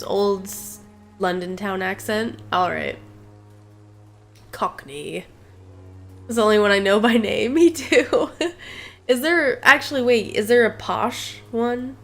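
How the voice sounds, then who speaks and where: A woman's voice: mid-range voice, fairly bright tone. A woman streaming a game, commenting chattily to her viewers with frequent giggles. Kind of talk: gameplay commentary. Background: game music.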